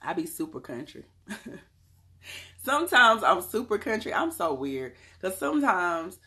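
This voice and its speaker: A very animated woman with a sharp-toned, lowish voice talks a little slowly in a Southern accent. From Charlotte, North Carolina, she's a tarot reader hosting a casual livestream, answering chat messages and handing out blunt, emphatic motivational talk.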